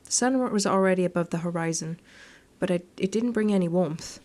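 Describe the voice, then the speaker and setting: Her voice is fairly low and darkish in tone, moving a little fast as she reads a horror story game for her gaming video. She swears and tosses in unscripted reactions, with game music faintly audible in the background.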